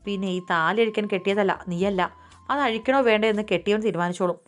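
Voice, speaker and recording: A woman's voice: mid-range voice, steady tone, fast, lightly acted. A woman playing a stern, commanding matriarch. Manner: firm, commanding. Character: stern dignified older matriarch, mother-in-law.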